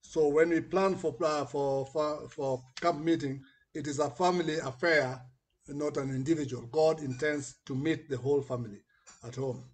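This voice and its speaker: A middle-aged man with a Kenyan accent speaks as a church elder moderating a video call. His voice is a little high and noticeably husky. He gives a measured devotional reflection, repeating phrases as he goes. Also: steady tone. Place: curtained indoor room. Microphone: computer mic on video call.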